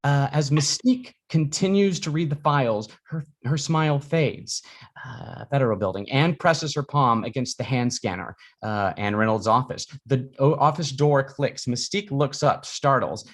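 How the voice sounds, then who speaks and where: A man narrates a screenplay at a live reading. He delivers scene headings and action lines in a middle-pitched voice. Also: normal speed. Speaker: narrator reading stage directions.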